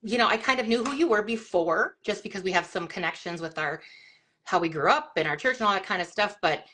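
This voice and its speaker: A middle-aged woman hosts a live video chat in a loose, rambling way, stacking fillers and restarting her sentences. Her voice is bright and forceful, pitched at an ordinary height for a woman, and she talks over a video call. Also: lively intonation, a little fast. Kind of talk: casual live-stream chat.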